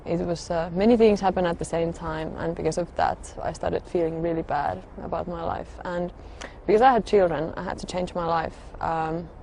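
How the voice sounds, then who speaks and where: A soft-spoken woman tells her own story slowly and haltingly, pausing often to find her words. Her voice sits fairly low and stays quite flat in pitch. A faint hum of room noise lingers behind her. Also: gravelly. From Finland. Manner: hesitant, halting, with frequent pauses and fillers. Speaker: religious convert sharing her story. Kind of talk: personal testimony.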